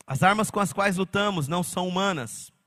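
A man preaching a sermon as pastor, animated, slipping into mocking quoted voices. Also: sits high, a little fast.

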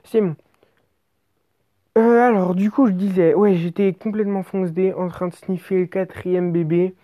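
A woman with a fairly low voice rambles through an absurd first-person comic story. She uses loose, slangy phrasing and keeps restarting her sentences. The sound is dry and a bit dull. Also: steady tone, moderate pace, no room sound.

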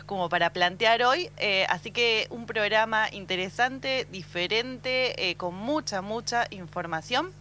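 A woman's voice: mid-range voice, measured pace, hardly any pauses, bright, forceful tone, a little hiss or hum. A woman with an Argentine accent hosting a casual literary radio show, chatty and enthusiastic, repeating words for emphasis.

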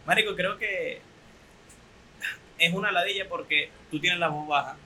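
A man's voice: high-pitched, measured pace, bright, forceful tone, a little hiss or hum, poor audio. A young man with a Venezuelan accent hosting a casual podcast interview, chatty and teasing. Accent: Venezuelan Spanish. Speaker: podcast host.

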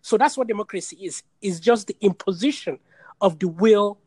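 A man's voice: sits high, moderate pace, darkish tone, slightly rough, no echo. A man from Nigeria hosting a casual call-in discussion, stating his views bluntly and repeating his points. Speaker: podcast host. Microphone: phone or video call.

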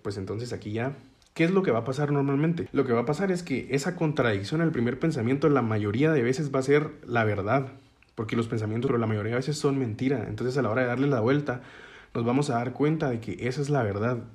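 A man's voice: mid-range voice, fairly quick, darkish tone. A man giving a casual, explanatory self-help talk, often checking in with listeners as he goes and leaning on everyday metaphors to make his points. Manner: conversational, checks in with listeners with frequent "ok?"; uses metaphors to explain ideas.

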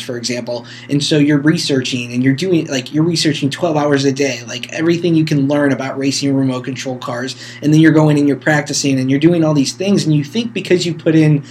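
A man's voice: mid-range voice, fairly even intonation, brisk, few pauses, darkish tone, a little hiss or hum. A man in a casual podcast chat, joking around and swearing now and then.

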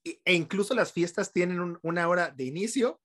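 A man with a Mexican accent hosts a casual podcast conversation. He talks in a relaxed, slangy way, often agreeing with his guest. His voice sits a little higher than most men's. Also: fairly quick. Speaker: podcast host. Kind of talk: casual chat.

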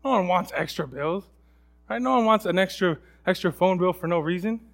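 A man's voice: sits high, fairly quick, gravelly, faint music behind. A young man preaching a sermon in a casual, storytelling way, often restarting his sentences and acting out other people's voices. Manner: many restarts and fillers.

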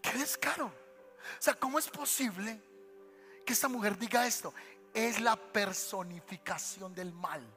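A man's voice: high voice, a little slow, bright, forceful tone. Male pastor from Colombia, emphatic preaching, long reverb and faint music behind. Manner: emphatic preaching, calls for amen. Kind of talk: sermon.

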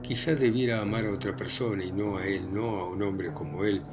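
A man voicing an emotional young woman torn in love in an audiobook, pleading and halting, with music behind. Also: lowish voice, steady tone, pitched below the performer's own voice, lightly acted. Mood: tearful. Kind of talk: audiobook reading.

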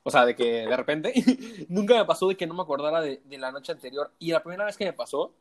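A man's voice: on the high side, animated, fast. A young man with a Mexican Spanish accent, hosting a podcast in casual chat and laughing often as he tells stories. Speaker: podcast host.

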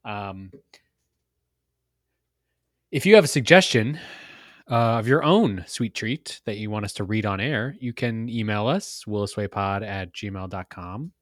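A man's voice: fairly low pitch, animated, a little slow, long pauses, no room sound, studio quality. A man co-hosting a casual movie podcast, easygoing and hesitant, with many ums and uhs. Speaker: podcast co-host.

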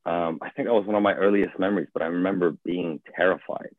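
A young man born in Hong Kong talks through his memories in a slow, searching way, full of fillers and restarts. His voice sits very low. It comes over a tinny, phone-like line with no room sound. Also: fairly even intonation, no echo. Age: 20s. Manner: hesitant, thoughtful, many fillers and restarts. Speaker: guest actor. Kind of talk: casual conversation. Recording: tinny phone-like call audio.

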